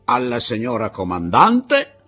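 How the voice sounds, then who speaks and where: A man voicing a drunken, bitter male guerrilla who taunts loudly, in an audiobook reading. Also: medium pitch, wildly swooping pitch, unhurried, breathy edge, faint music behind, voice pushed up, exaggerated voice. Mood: mocking. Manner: mocking, taunting, raised and loud.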